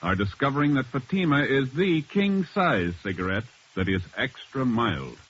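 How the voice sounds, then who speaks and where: A man with an American accent doing formal, scripted 1950s radio announcing in a measured, authoritative way. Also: medium pitch, big pitch swings, a bit bright, slight background noise. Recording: dull vintage radio recording.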